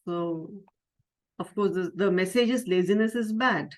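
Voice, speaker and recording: A woman's voice: on the low side, a little slow. Woman telling a children's story. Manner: gentle, questioning, many fillers. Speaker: spiritual teacher and storyteller.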